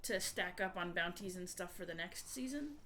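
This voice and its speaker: A woman's voice: on the low side, expressive, moderate pace, bright, forceful tone, slight background noise. A woman game streamer chatting casually with viewers and explaining things in a conversational way. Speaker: variety gamer and streamer.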